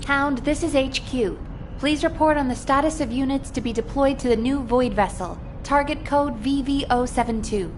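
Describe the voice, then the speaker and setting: A woman voicing a composed, formal female headquarters commander giving a measured mission briefing in a video game. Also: high-pitched, over music, natural voice. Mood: brisk, official.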